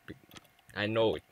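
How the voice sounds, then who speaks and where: A young Finnish man with a Finnish accent chats casually with viewers during a game livestream, frequently stumbling over words and starting them again.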